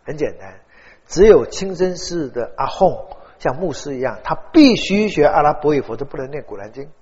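A man's voice: on the high side, normal speed. A middle-aged man preaching a sermon, telling stories animatedly and acting out dialogue. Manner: animated storytelling, acts out dialogue. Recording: dull, long-reverb hall.

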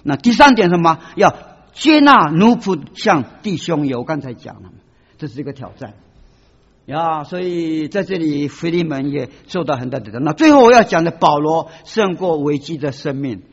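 A man preaching, his high, husky voice leaping around as he acts out each person he quotes. The recording is dull and lo-fi, with a long reverb trailing off the hall walls. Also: expressive, moderate pace. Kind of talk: sermon.

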